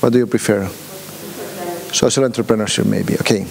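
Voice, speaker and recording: In a reverberant conference room, a workshop speaker with a fairly low, slightly mellow voice and vocal fry delivers an informal talk in a fairly even tone. His speech is halting and full of fillers and restarts, and he asks the audience questions. Long hall reverb and a faint hiss are audible.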